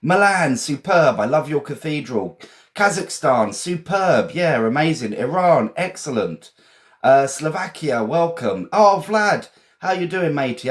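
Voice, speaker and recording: A man from England with an English accent and a mid-range voice teaches a casual live vocabulary lesson. He's chatty, encouraging, and informal, often repeating phrases.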